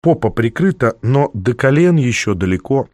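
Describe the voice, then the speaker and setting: A man's voice: medium pitch, lively intonation, moderate pace, darkish tone, no echo. A man narrating a first-person novel aloud in a dry, ironic storytelling manner. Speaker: audiobook narrator.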